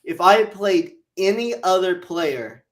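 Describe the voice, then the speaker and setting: A man co-hosting a fantasy football podcast over a remote call, talking in a relaxed, rambling way with lots of fillers. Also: sits high, measured pace. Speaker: podcast co-host. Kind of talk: casual fantasy football chat.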